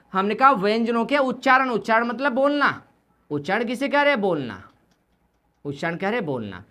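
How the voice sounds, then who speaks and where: A woman's voice: medium pitch, fairly bright tone. A woman teaching Hindi grammar, repeating key points and asking questions that she answers herself. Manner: repetitive, asks questions then answers them. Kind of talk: classroom lesson explanation.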